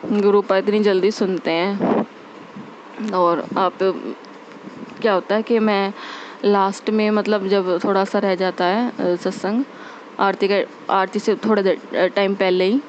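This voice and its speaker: A woman's voice: medium pitch, fairly even intonation, noisy background. Earnest young woman, dull lo-fi sound. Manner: earnest, repetitive, halting with many fillers. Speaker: devotee sharing a testimony. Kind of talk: personal spiritual testimony. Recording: dull lo-fi recording.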